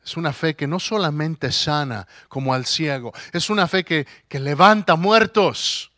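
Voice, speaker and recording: A man preaching a sermon, telling the story with animated character voices and rising to emphatic declarations. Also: fairly high pitch, unhurried, dry recording, studio quality.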